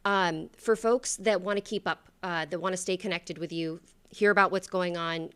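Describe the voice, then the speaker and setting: A woman's voice: on the low side, fairly even intonation, moderate pace, a bit bright, clear, resonant tone. A woman hosting an author interview, enthusiastic and affirming as she asks questions. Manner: enthusiastic, frequent affirming murmurs. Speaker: host. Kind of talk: interview host.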